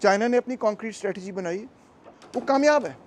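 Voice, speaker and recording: A man's voice: high voice, quick pace, a little mellow, slight background noise. A man talking casually to his camera as he narrates a travel vlog and explains things to viewers. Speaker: vlogger and political commentator.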